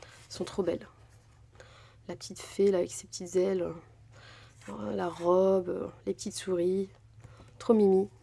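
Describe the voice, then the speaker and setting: A woman chatting casually as she unboxes craft supplies, gushing over each item and filling pauses often. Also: mid-range voice, little pitch movement, gravelly, warm tone, husky. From France. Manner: chatty, gushing, many fillers. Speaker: crafting vlogger.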